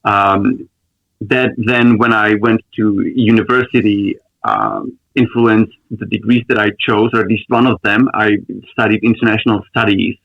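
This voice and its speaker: A man from the Republic, a lawyer answering interview questions in a thoughtful, measured way with frequent ums. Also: lowish voice, vocal fry, no echo, muffled recording. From Czech Republic. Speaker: lawyer guest.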